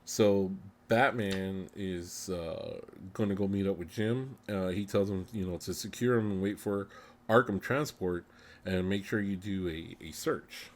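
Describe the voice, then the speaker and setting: Low-voiced man recapping a comic casually. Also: a little slow. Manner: rambling retelling with many ums and uhs. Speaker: podcast host.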